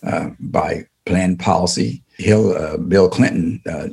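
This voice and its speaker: An older man from the American South, a civil rights attorney answering interview questions in an earnest, deliberate way with many fillers. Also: low voice, vocal fry, darkish tone, breathy edge.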